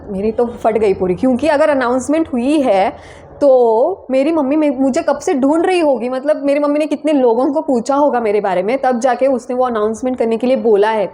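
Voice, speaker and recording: A young woman tells a story from her own life in a casual vlog. Her voice sits a little high and sounds soft and mellow, never sharp. She talks in a chatty, animated way and leans on casual fillers. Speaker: vlogger.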